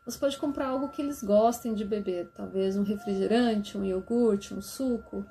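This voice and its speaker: A woman gently explaining church lessons for parents to teach their children, often checking in with a soft "né?". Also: medium pitch, moderate pace, a little hiss or hum. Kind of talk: casual instructional talk.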